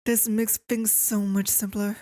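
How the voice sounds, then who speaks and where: Girl doing a yandere wife asmr ASMR role-play, sweet but eerily obsessive, slow and soft, super dry close sound. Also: medium pitch, flat delivery, no echo, natural voice.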